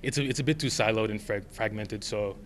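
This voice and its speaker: A man in his twenties from Papua New Guinea, a competition entrant, pitching his idea casually with many hedging fillers into a handheld mic. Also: fairly quick. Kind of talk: on-location interview. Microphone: handheld microphone.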